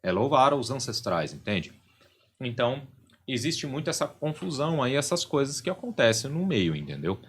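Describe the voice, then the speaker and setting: A man's voice: medium pitch, very animated, moderate pace, a bit bright, breathy edge. A middle-aged Brazilian man, a podcast guest and religious leader, explaining at length and often checking in with "né?" and "entende?".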